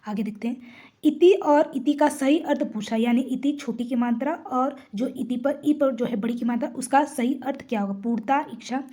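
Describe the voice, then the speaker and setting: Female grammar tutor, high and warm-toned voice, walks through exam answers in a rhetorical question-and-answer style. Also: normal speed. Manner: explanatory, asks rhetorical questions and answers them herself; clears her throat now and then. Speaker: Hindi grammar teacher. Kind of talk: exam-prep lesson, working through mock test questions.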